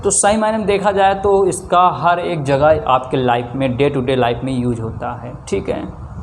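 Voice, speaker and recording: A man's voice: fairly high pitch, moderate pace, a little hiss or hum. A man teaching maths with a north Indian Hindi accent. He keeps asking rhetorical questions, answers them himself and checks in with frequent "theek hai". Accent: Hindi-speaking north Indian. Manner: often adds a checking 'theek hai'. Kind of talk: classroom lesson.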